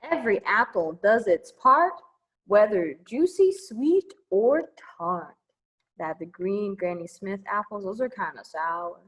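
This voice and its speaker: Here the same kind of storyteller, a woman with a mid-range voice, reads a picture book to small children in a lively, singsong way, breaking off for friendly chatter. She takes her time, and the recording is rough.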